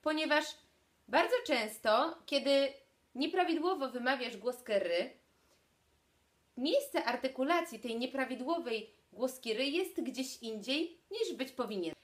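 A young woman teaches pronunciation in an instructional video, speaking at a slow, deliberate pace. Her voice sits a little high, and she articulates each demonstrated syllable with precise care. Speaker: speech therapist.

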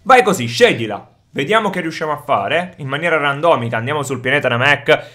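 Male gaming host, bright and somewhat high voice, hypes every fight with loud shouts. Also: brisk. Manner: energetic, exclaims loudly during fights. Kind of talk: excited gameplay commentary.

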